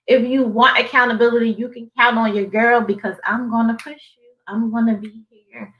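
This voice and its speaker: A woman's voice: a little high, fairly even intonation, normal speed, a bit bright, dull audio. A woman with a Southern US accent, a financial coach chatting casually on a live stream, upbeat and repeating herself for motivation. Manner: upbeat, repetitive motivational talk.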